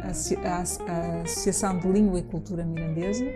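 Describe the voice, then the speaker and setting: A woman from northern Portugal speaks in a low-set voice, stopping and restarting her phrases as she answers an interviewer. Music plays clearly underneath her talk. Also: steady tone. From Trás-os-Montes, Portugal. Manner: halting, many restarts and repeated words. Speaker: jazz singer.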